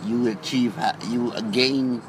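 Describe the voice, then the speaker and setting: An older man sitting in a car, answering a street interview slowly and thoughtfully, repeating himself as he goes. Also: mid-range voice, fairly even intonation. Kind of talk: street vox pop answer. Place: seated in a car, street outside. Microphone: handheld phone held to car window. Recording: street traffic noise.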